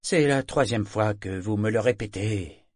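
A man plays a wealthy skeptic in a storybook, plaintive and grumbling. The voice sits raised and loud. It is recorded close and dry. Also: lowish voice, measured pace, no room sound. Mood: complaining.

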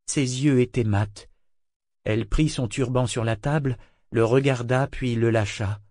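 A man narrating an audiobook in a measured, expressive reading. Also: medium pitch, dry recording, studio quality. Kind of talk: scripted narration.

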